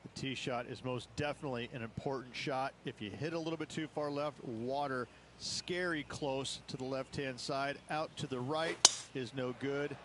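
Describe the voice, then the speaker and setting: A man's voice: mid-range voice, fairly even intonation, normal speed, a bit bright, natural voice. A man playing a knowing, matter-of-fact golf commentator analysing the course in a video game. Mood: assured. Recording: outdoor ambience noise behind voice.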